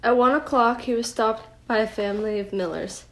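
A middle-aged woman reading a children's storybook aloud at home, gently and expressively. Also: a little high, a little fast. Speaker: storybook reader.

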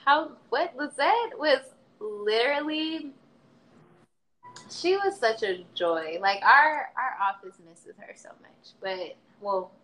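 A woman chatting casually about a former coworker, telling lively stories and acting out what was said. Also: fairly high pitch, slow pace, low-quality recording. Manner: animated storyteller, acts out quotes. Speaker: former supervisor. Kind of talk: casual chat.

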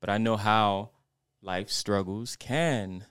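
A man's voice: fairly low pitch, takes it slowly, fairly bright tone. A young man co-hosting a podcast, telling a personal story in a reflective, rambling way with lots of fillers. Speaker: podcast co-host. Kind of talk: casual podcast chat.

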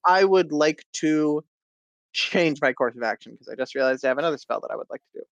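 Unsure player thinking out loud, lots of uh and um, dry close sound. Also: mid-range voice, expressive, brisk, dry recording. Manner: hesitant, many fillers and restarts. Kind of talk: casual tabletop game play.

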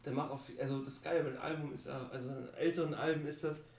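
A man's voice: fairly high pitch, steady tone, racing, vocal fry, a little mellow. A young man co-hosting a podcast in casual, slangy chat, talking bluntly and laughing often. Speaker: podcast co-host. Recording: roomy, distant from the mic.

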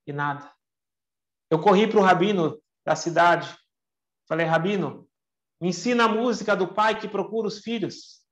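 An earnest young man , voiced by a male storyteller, recalls his grandfather in the first person, tearful and sincere. The voice sits a bit high for a man. It sounds roomy and echoey, with a dull, lo-fi tone. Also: moderate pace, a bit bright.

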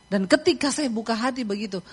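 A woman's voice: fairly high pitch, fast talker, husky. A middle-aged woman from Indonesia preaching a sermon, telling a story with laughter and acting out voices.

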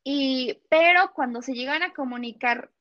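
A woman's voice: high voice, a little slow, dry recording, lo-fi sound. A young woman with a Mexican Spanish accent, telling stories as an interview guest, acting out dialogue and laughing often. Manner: animated storytelling, acts out dialogue, laughs often. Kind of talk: casual interview chat.

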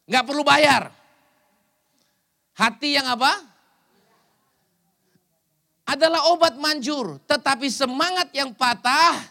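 A man preaching a lively, humorous sermon as pastor, joking with the congregation and mixing in English words. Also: very high voice, slow pace, vocal fry, pauses often.

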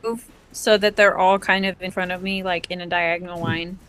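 A woman's voice: lowish voice, steady tone, moderate pace, a bit bright, faint music behind. A woman playing a tabletop game over an online call, stating her moves plainly and briefly, while her mic cuts out and her volume jumps up and down. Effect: mic cutting out, uneven volume. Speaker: player.

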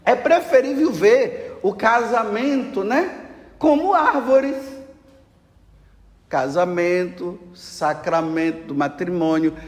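Brazilian male preacher, high lively voice, sermon in an echoey church hall. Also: slow pace. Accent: Brazilian Portuguese. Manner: animated, acts out dialogues with rhetorical questions.

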